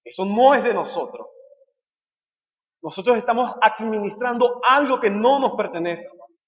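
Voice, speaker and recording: Man, pastor, sermon, high voice, rhetorical refrains, hushed to impassioned, church sanctuary. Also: lively intonation, moderate pace, slightly rough, lo-fi sound. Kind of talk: expository sermon.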